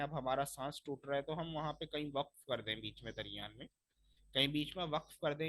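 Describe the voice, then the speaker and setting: A young man from Pakistan teaching Quran recitation in a fairly high, bright, forceful voice. He explains each rule patiently, step by step, then draws the recited words out slowly and loudly. The sound is close and dry, with no room echo.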